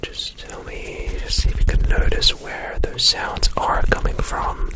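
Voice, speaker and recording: An ASMR creator with an Australian accent, whispering softly into a close desk microphone in a small home studio, rambling with many fillers. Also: unhurried. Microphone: close USB desk microphone.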